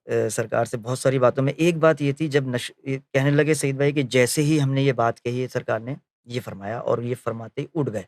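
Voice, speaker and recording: Here a man at medium pitch recounts a spiritual leader he remembers, dramatizing the conversations as he goes. He often hesitates on fillers and revises what he says; the studio-quality recording has no echo.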